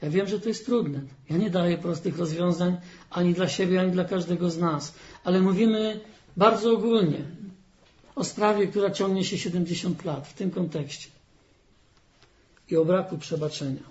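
Guy preaching in church, kinda high voice, leans hard on the big words, muffled dull recording. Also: moderate pace, a little mellow. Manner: earnest, rising to emphatic stress on key phrases. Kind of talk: sermon with scripture reading.

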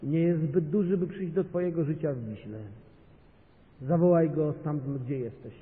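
A man preaching a sermon as a guest pastor, speaking with passion and building to loud, emphatic peaks. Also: on the high side, moderate pace. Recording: tinny phone-like sound in a reverberant hall.

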